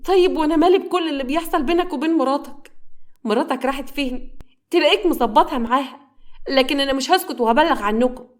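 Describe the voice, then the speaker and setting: A woman voicing a furious, desperate young wife in a frantic, shrill Egyptian Arabic voice. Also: fast, lightly acted. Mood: defiant.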